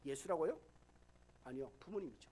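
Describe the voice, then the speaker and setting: High-voiced Korean pastor with a Busan lilt. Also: male voice, animated, a little fast, husky. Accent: softened Gyeongsang Korean. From Busan, South Korea. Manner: swings between loud emphatic lines and low, quiet asides; addresses the congregation directly, often saying "여러분". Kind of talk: sermon. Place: church sanctuary.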